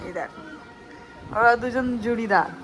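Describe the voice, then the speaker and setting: A woman's voice: on the high side, normal speed, music in the background. A young woman and mother chatting casually to her viewers, laughing often as she shows her family. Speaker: vlogger and mother. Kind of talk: casual vlog narration to viewers. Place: home and a relative's house, indoors.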